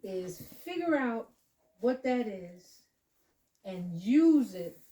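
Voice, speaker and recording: A woman leading children in a home lesson, coaching them patiently with slow, drawn-out explanations. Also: a little high, animated, warm tone, far from the mic, a little hiss or hum, poor audio. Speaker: adult leading children in a candle lighting. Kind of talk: home teaching talk. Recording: voice from away from the mic.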